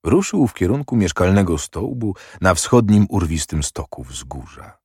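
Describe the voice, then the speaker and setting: A man narrating a historical novel in a measured, steady audiobook reading. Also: low voice, husky, dry recording, studio quality.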